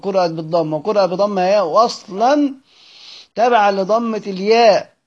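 Egyptian guy teaching, keeps asking then answering his own questions, goes over it step by step, kinda high voice. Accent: Egyptian Arabic. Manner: asks rhetorical questions and answers them; repeats points step by step. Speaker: teacher of Quran readings. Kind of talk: lesson, reading a text and explaining it. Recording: muffled lo-fi recording.

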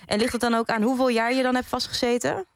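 A woman hosting a live radio phone-in, calmly summing up what callers say and taking their calls. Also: fairly high pitch, fast talker. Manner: calm, summarising callers' points. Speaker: radio host. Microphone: studio microphone.

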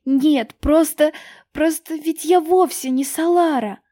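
A woman voicing a frightened, tearful young woman who pleads in a high, loud voice in a storybook reading. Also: moderate pace, close to an everyday voice. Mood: upset, pleading.

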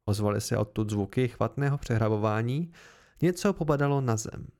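A man narrating a novel as an amateur audiobook reading, in a low, measured way. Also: animated, a little mellow.

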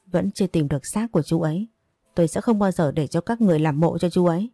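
A woman voicing a grieving seventeen-year-old who pleads and insists, in a low, dark voice. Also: fast, no echo, clean studio sound, faint music behind. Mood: defiant. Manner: pleading, insistent, breaking into denial.

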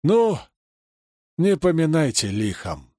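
A man voicing a gruff old village grandpa who banters coarsely and brags, in an audiobook reading. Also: a little high, very animated, takes it slowly, dark tone, no room sound, studio quality. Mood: indignant. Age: over 60.

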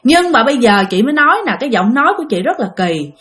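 A woman's voice: sits high, sing-song, quick pace, fairly bright tone. A woman with a Southern Vietnamese accent telling a ghost story in a chatty way, often addressing her listeners directly. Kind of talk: spoken ghost story narration.

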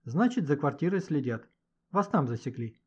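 A man voicing a shrill feisty schoolgirl. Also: big pitch swings, moderate pace, a little hiss or hum. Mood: insistent. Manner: shrill, indignant. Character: feisty schoolgirl, quick to anger. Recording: dull lo-fi audiobook recording.

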